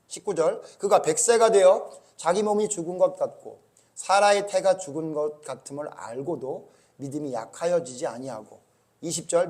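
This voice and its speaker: A male pastor giving a conversational church sermon, often asking the congregation rhetorical questions. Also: a little high. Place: church service.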